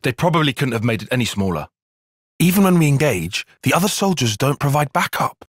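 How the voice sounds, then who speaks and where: A man acts a cutscene as a young fantasy soldier, earnest and analytical, choosing his words with formal precision in a serious mood. His medium-pitched voice is sing-song and fairly quick, captured at studio quality without echo.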